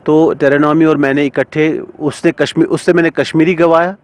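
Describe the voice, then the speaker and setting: A middle-aged man, a singer and composer being interviewed, speaking thoughtfully with many pauses and fillers. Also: a little high, level tone. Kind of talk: casual interview talk.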